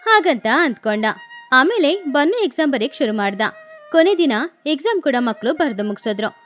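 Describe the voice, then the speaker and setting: Brief: woman storyteller for a kids' cartoon; high, lively, faint music under it. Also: moderate pace. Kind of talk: scripted cartoon narration.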